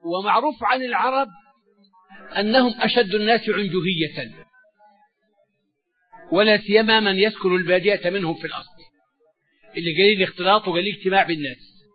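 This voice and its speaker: A man giving a religious lesson, measured and explanatory, often repeating key words. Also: high-pitched. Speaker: Quran teacher. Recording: dull lo-fi recording with faint music.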